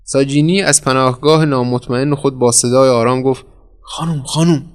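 Man narrating a dark story. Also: mid-range voice, fairly even intonation, clean tone. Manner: measured, dramatic storytelling. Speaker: audiobook narrator. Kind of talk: scripted narration.

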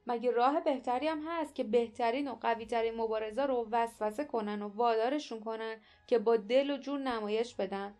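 A woman's voice: a little high, few pauses, darkish tone, close to an everyday voice. Woman voicing an angry young hero. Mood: resentful. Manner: clenched, resentful.

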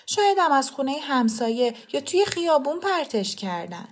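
A woman voicing a sharp-tongued, defensive middle-aged mother in an audiobook, talking in a heated way. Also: high-pitched, big pitch swings, pitched above the performer's own voice. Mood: defiant.

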